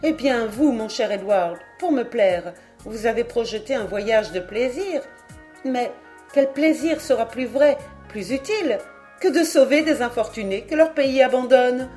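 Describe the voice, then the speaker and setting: A woman's voice: a little high, animated, unhurried, a little mellow, soft background music. A woman reading an audiobook, voicing a resolute young noblewoman in a raised, fervent, pleading voice.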